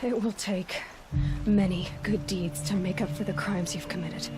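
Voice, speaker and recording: Woman acting, young huntress, guarded, direct, medium pitch, video game cutscene, music behind. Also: fairly even intonation, moderate pace, close to an everyday voice. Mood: solemn. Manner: direct, stern, probing.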